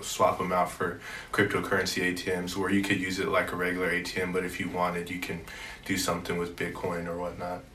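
Young man, student, low and monotone, heard from across a roomy space. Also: a little hiss or hum. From South Korea, raised in Oklahoma. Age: young adult. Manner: measured, uses "like" often. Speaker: student entrepreneur. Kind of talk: casual interview answers. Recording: roomy, distant mic.

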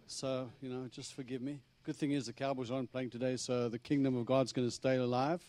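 Brisk and a little mellow, the mid-range voice of a middle-aged South African man with a Texan accent carries a flat delivery. He is a visiting preacher in a church, giving a chatty, humorous sermon in which he acts out his talks with God.

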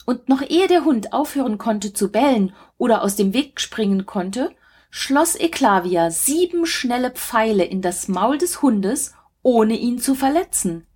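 A woman reading a mythological story aloud in a measured, dramatic narration. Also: a little high, animated, darkish tone, breathy edge.

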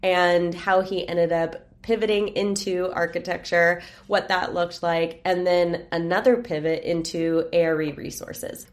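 An upbeat woman hosts a casual podcast interview, her voice sitting a little low for a woman. She talks in quick, chatty bursts. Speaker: podcast host.

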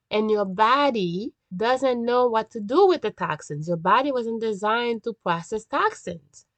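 A middle-aged woman hosting a health podcast solo, talking emphatically and deliberately while crammed in a small closet without her usual mic. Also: mid-range voice, dry recording. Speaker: podcast host and functional medicine doctor. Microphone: makeshift, without the usual microphone.

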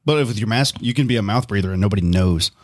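A man's voice: on the low side, lively intonation, very fast. A man co-hosting a podcast, a teacher, bantering and joking in casual chat.

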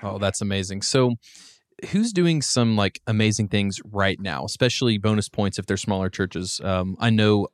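Low-voiced co-host, dry close sound. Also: male voice, moderate pace, no room sound. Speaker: podcast co-host. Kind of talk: casual podcast interview.

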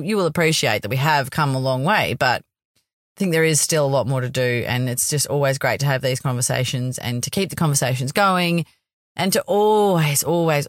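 A woman's voice: extremely low pitch, no echo, clean studio sound. A woman hosting a podcast in an informal, rambling solo monologue, speaking earnestly and encouragingly to her listeners. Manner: effusive, encouraging. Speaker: podcast host.

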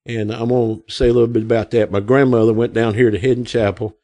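His pitch is medium and his tone level and dark, and he talks fast. He's an Arkansas man in his sixties with a local accent, rambling through folksy stories as an interview guest and voicing the people he quotes.

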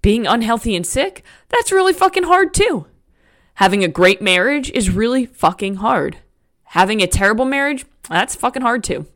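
A woman's voice: on the high side, very animated, moderate pace, fairly bright tone. A woman hosting a podcast, talking candidly in a motivational monologue with a frank, emphatic, casual manner. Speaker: podcast host.

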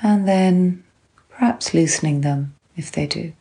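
A woman instructor calmly and gently guiding a grounding exercise, unhurried, with long pauses between phrases. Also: on the low side. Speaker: guided relaxation instructor. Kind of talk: calm guided grounding exercise.

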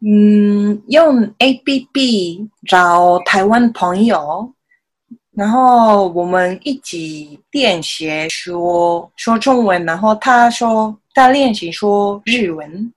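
A woman with a Japanese accent in her Mandarin speaks slowly at a medium pitch. She is a native Japanese speaker chatting as a guest, halting and repeating simple words as she puts her sentences together. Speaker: podcast guest, self-taught Mandarin learner. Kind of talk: casual interview chat.

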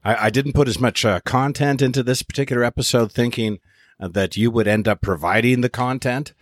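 A man's voice: medium pitch, brisk, dry recording. A man hosting a podcast in casual banter, with a dry, teasing, hesitant way of talking. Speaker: podcast host.

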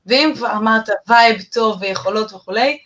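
A woman's voice: fairly high pitch, a bit bright, slight background noise. A woman with an Israeli accent talking casually and emphatically as a podcast co-host, repeating phrases for emphasis.

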